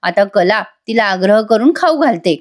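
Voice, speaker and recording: A woman's voice: medium pitch, expressive, normal speed. A woman narrating a chatty plot recap of a TV serial, addressing the viewers directly.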